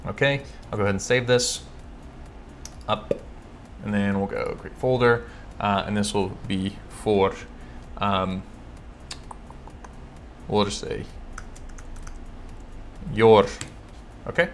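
A man from California hosting a casual live coding stream, chatting and thinking aloud, reading code out slowly with lots of fillers and self-corrections. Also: fairly low pitch, steady tone, a little hiss or hum. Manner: reads code aloud slowly while typing. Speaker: livestream host answering coding questions.

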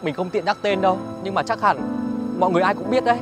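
A calm young man in a wheelchair, played by a man, talks softly and patiently in a fairly high voice. He speaks at a quick pace. Music plays behind him. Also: natural voice. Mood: gentle. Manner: soft-spoken, calm, consoling. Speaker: wheelchair user selling goods. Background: background music.

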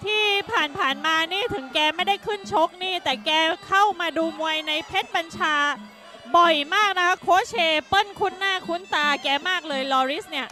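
Female boxing co-commentator, excited chatty commentary, extremely high pitch, bright forceful tone. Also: normal speed, soft background music.

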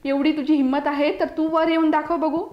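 A woman's voice: high voice, flat delivery, normal speed, echoey room, highs cut off, pitched above the performer's own voice, close to an everyday voice. A woman voicing a cocky, teasing female house cat in a storybook reading. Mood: taunting.

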